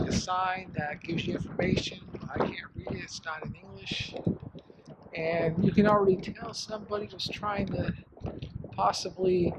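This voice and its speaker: A man's voice: high-pitched, very noisy. A man vlogging from inside a cave in a laid-back, slangy, profane, rambling way, his voice echoing off the rock. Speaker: travel vlogger. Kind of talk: casual travel vlog.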